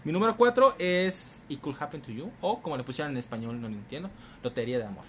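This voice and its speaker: Man, Mexican accent, casual storyteller, very lively pitch, mid voice, faint background noise. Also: fast. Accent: Mexican Spanish. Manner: animated storyteller, acting out characters with swearing and laughter. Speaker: podcast co-host. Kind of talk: casual chat.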